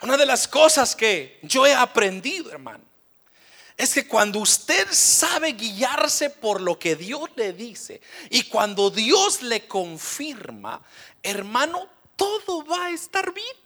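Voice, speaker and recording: A man preaching a dramatic, animated sermon who keeps addressing his listeners as brothers. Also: very high voice, slow pace.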